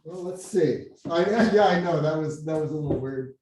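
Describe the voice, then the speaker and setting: A man's voice: a little high, a little mellow. Man with a hollow, cave-like echo. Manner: casual, halting, repeats words. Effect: hollow cave-like echo, as if speaking in a hole. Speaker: meeting host. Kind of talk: casual meeting chat. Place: meeting room with windows and blinds. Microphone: computer mic set back from the speaker. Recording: very echoey room, far from the mic.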